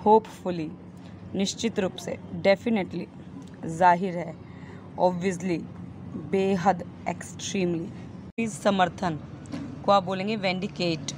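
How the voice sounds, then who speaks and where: A woman teaches English vocabulary at a very slow, deliberate pace, naming each word and often repeating it. Her voice sits a little low, and faint traffic noise hums in the background. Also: poor audio. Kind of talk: vocabulary lesson, listing word pairs.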